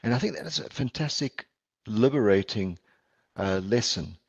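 A middle-aged palliative care physician, a native Portuguese speaker with a South African accent, gives an earnest conference talk over a video call, full of ums and restarts. His medium-pitched voice is expressive and husky with vocal fry, at a moderate pace. The sound is dry with the highs cut off, picked up by a headset or laptop mic.

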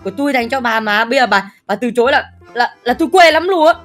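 A man voicing a bashful teenage boy, a reformed school bully, stammering and repeating words nervously in a Minecraft role-play, his voice pitched up. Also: expressive, fast talker, a bit bright, faint music behind.

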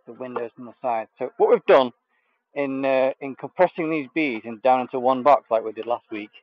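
A man's voice: medium pitch, a little fast, no room sound, lo-fi sound. Man chatting through a hive inspection. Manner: relaxed, hesitant with many fillers. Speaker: beekeeper host. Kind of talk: live hive inspection walkthrough. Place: outdoor bee yard. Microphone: camera mic, speaker off frame.

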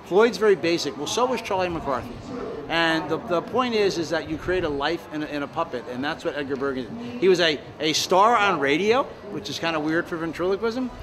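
A man's voice: a little high, expressive, a little fast, crowd noise. An American man in his sixties, chatting in an upbeat, casual interview as a ventriloquist. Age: 60s. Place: large open-sided fairground shed.

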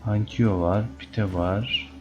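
A man's voice: lowish voice, steady tone, takes it slowly, muffled recording, faint music behind. A man commenting on his gameplay and playfully taunting the animals in the game. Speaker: gaming channel host. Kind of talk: Let's Play commentary.

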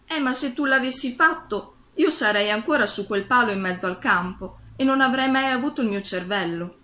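A woman voicing a grateful straw scarecrow man in a storybook reading, in a raised, excited tone. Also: fairly high pitch, moderate pace, voice pushed up. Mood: eager.

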